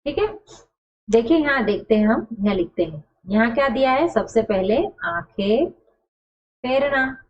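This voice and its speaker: A woman teaching a school language lesson, asking questions and answering them herself, slowly repeating words to show how they are said. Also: on the high side, lively intonation. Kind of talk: classroom lesson explaining a textbook chapter. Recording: dull lo-fi sound.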